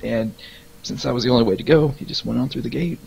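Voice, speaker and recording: A man's voice: mid-range voice, fast, creaky, a little mellow, husky, rough recording. A man telling his character's backstory in a tabletop game, unsure and stumbling over names. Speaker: player.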